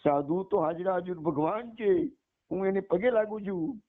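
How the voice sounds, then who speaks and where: A man's voice: high voice, normal speed, voice pushed up, natural voice. A man voicing a humble, devout old male servant who speaks with earnest respect, over a tinny phone-like line. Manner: pleading, then firm and respectful.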